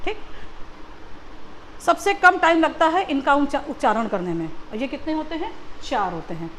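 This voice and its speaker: Woman teacher, high voice, patient and repetitive, faint background noise. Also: lively intonation, normal speed, a bit bright. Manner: patient, repeats questions to children. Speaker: school teacher. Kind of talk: classroom Hindi lesson.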